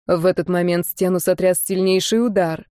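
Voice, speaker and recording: Woman reading a fantasy audiobook, dark tone. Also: lowish voice, fairly even intonation, normal speed, dry recording, clean studio sound. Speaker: audiobook narrator. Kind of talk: first-person fantasy audiobook narration.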